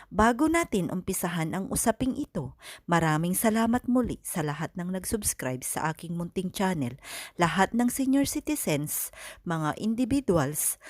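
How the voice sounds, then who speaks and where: Upbeat Filipino woman vlogger, low voice. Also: no room sound, studio quality. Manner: upbeat news-style narration with rising exclamations. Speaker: channel host giving updates. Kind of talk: narrated update vlog.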